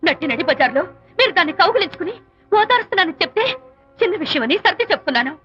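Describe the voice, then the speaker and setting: A woman's voice: extremely high pitch, very animated, rapid-fire, pushed and bright, full character voice. An actress playing a proud, jealous young wife who snaps back at her husband in an old film scene. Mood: indignant. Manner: indignant, cutting retorts. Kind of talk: 1990s film dialogue. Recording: muffled film soundtrack with music.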